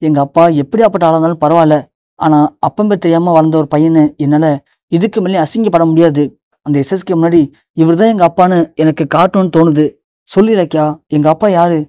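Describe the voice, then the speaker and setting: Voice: mid-range voice, quick pace, dark tone, dry recording, clean studio sound, lightly acted. A narrator voicing a desperate young man pleading to learn who his father is. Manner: pleading, insistent.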